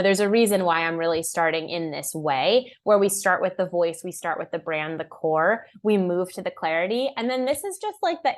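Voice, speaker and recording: Young woman, workshop presenter: low-ish voice, casual and upbeat, lots of "like". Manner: upbeat and conversational, heavy use of "like"; acts out clients' and buyers' lines in a raised voice. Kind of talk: online class presentation.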